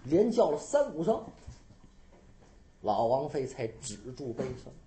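A storyteller performing traditional oral storytelling with an animated, rhythmic, theatrical delivery. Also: mid-range voice, measured pace, roomy sound, noisy background.

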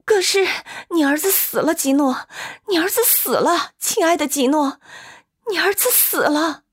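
A woman voicing a calm, firm young Englishwoman who speaks earnestly and with authority. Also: high-pitched, a little slow, voice pushed up. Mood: pleading. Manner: earnest and commanding.

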